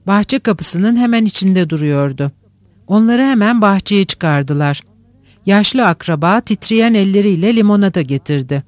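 A man reading literary fiction aloud as a narrator, measured and unhurried. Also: high-pitched, dry recording.

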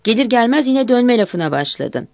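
A woman's voice: a little high, very animated, moderate pace, darkish tone, no room sound, clean studio sound. Woman narrator doing a pushy, fond girlfriend who won't hear of leaving. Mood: teasing. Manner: teasing, insistent. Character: bossy, affectionate young woman friend.

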